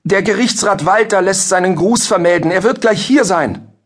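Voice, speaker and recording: A man voicing a breathless, frantic servant who bursts in with urgent news. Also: moderate pace. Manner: urgent, shrill.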